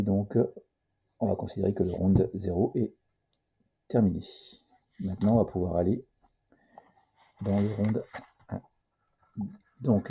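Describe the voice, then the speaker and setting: A man presenting a casual board game tutorial, hesitant and full of filler pauses, at times reading the game's text aloud. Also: sits low, creaky, mellow, husky.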